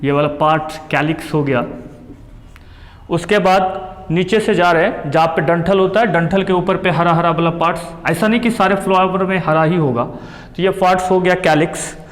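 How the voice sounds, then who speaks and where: A man's voice: high-pitched, fairly even intonation. A man teaching a biology lesson, explaining a diagram step by step and repeating each term. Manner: explains slowly, repeats terms, mixes English terms into Hindi. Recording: long hall reverb.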